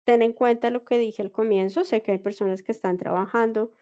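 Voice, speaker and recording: Over muffled, low-quality video call audio, a teacher from Colombia speaks with a Bogotá Spanish accent in a slightly high, mellow voice, fairly quick and fairly even in intonation. She explains an assignment in steps and patiently checks that the class is keeping up.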